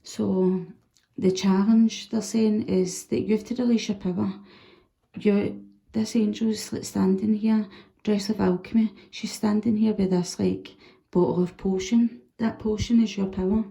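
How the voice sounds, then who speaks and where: A woman's voice: mid-range voice, unhurried, gravelly, reverberant. Chatty woman reading tarot cards. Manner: chatty, animated, swears casually. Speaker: tarot reader.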